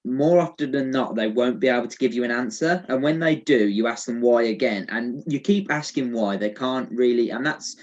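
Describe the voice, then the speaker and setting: A man's voice: mid-range voice, normal speed, hardly any pauses, darkish tone. Man with a dull lo-fi sound. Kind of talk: casual chat.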